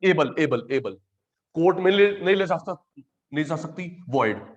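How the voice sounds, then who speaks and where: A man with an Indian accent teaching an online class, animated and teasing, mixing English terms into Hindi. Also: a little high, moderate pace, highs cut off.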